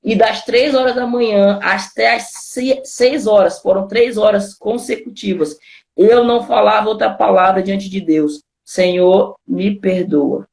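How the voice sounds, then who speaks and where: A man's voice: sits high, moderate pace, vocal fry, reverberant. A man with a Brazilian accent, a pastor, telling his testimony in a casual conversation, full of informal fillers. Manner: informal storytelling, constant "cara" and "né" fillers.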